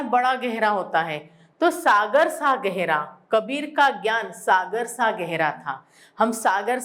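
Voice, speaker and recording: A woman teacher giving a school lesson, explaining slowly and answering her own questions. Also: fairly high pitch, fairly bright tone. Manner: repeats words for emphasis. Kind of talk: classroom Hindi lesson.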